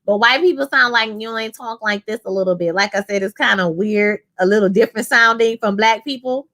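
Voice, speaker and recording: A woman in her thirties from Louisiana, speaking with a New Orleans accent in a slightly high, fairly quick voice. She's live-streaming a review of a TV episode, chatting casually and animatedly with her viewers and calling them "y'all."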